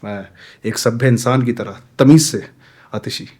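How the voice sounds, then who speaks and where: A young man with a medium-pitched, darkish voice animatedly tells friends a story at a measured pace, acting out the characters' lines in shifting voices.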